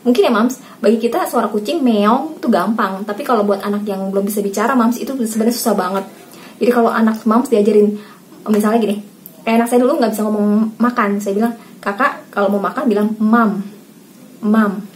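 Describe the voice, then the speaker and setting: A woman in her thirties speaks casually to camera as a parenting vlogger, with a somewhat high voice. She talks straight to her viewers and sometimes acts out how she speaks to her child. Faint background noise sits under the recording. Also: fast, a little mellow. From Indonesia. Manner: chatty, addresses viewers as Mams, acts out talking to her child.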